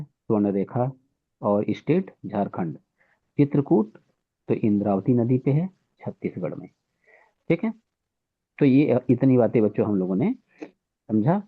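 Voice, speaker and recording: A man's voice: medium pitch, husky, dry recording. A man teaching an exam-prep lesson to students, drilling facts and repeating "theek hai" after each point. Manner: repetitive, keeps saying "theek hai". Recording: tinny phone-like audio.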